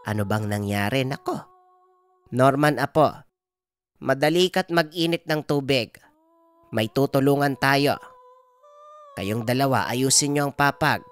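A man voicing an elderly village healer woman who gives brisk orders. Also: medium pitch, smooth, voice pushed up, lightly acted. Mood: commanding. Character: stern old village healer woman, commanding.

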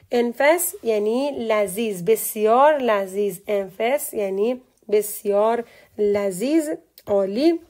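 A woman teaching a language online, slowly explaining a word list and repeating each word with its meaning. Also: fairly high pitch, darkish tone. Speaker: Turkish teacher.

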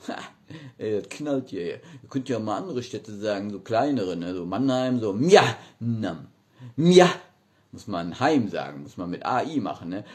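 Middle aged guy chatting on his live, casual, animated pitch, keeps adding little question tags. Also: moderate pace. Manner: colloquial, tags remarks with questioning "ne?". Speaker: livestream host. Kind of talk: casual livestream chat. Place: small indoor room. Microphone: phone at arm's length.

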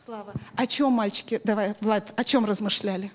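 A middle-aged woman teaching children through an interactive story, expressive and instructive, often putting questions to them, speaking into a handheld microphone in a hall. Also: mid-range voice, brisk. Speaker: children's Sunday school teacher. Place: large bright church hall with audience of children.

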